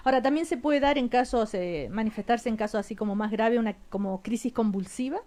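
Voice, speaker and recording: A woman's voice: fairly high pitch, mellow. Curious woman radio host. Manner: curious, quick questions with hesitant fillers. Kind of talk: radio interview.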